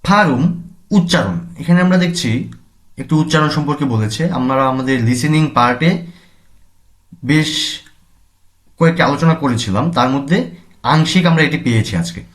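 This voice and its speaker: Slow patient male language teacher. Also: fairly high pitch, lively intonation. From Bangladesh. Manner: slow, repeats each word and its meaning. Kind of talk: classroom lesson explanation.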